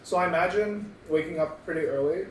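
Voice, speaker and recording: A young man with a fairly high voice answers questions between bites of food, humming "mm" as he thinks. He sounds a little distant from the mic, in an echoey room with faint background noise. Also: a little fast. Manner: eats while talking, hums "mm" between thoughts. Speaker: vlog host answering questions. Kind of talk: casual chat while eating. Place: indoors at a meal.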